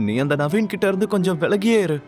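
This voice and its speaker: Male narrator doing a young wife in an audio drama, hurt and defiant, pleading, slightly higher voice. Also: fast talker, a little mellow, faint music behind, lightly acted. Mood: apologetic. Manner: pleading, indignant.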